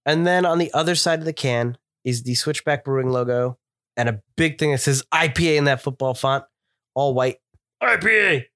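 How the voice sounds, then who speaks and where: A man's voice: mid-range voice, moderate pace, fairly bright tone, no echo, studio quality. A man co-hosting a casual beer review podcast, talking in an enthusiastic, descriptive way while stuffed up from a cold. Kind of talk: casual chat.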